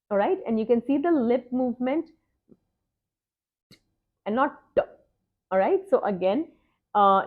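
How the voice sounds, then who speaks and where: A woman teaching phonics, slowly modelling sounds and words and repeating each one twice. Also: fairly high pitch. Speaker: reading tutor. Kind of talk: phonics lesson mixing Hindi and English. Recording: tinny phone-like sound.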